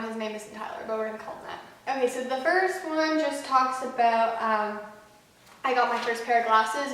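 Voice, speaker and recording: A woman's voice: a little high, fairly bright tone. A young woman, embarrassed and self-conscious as she reads aloud and chats casually, breaking off into informal asides. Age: young adult. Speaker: vlogger reading her old diary. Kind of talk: casual chat with reading aloud. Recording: very echoey room, distant mic, faint noise.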